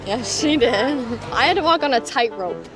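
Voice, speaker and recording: A woman's voice: sits high, lively intonation, moderate pace. A young woman, the family's daughter, chatting casually with lots of "like" fillers. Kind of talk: casual chat. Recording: loud background music.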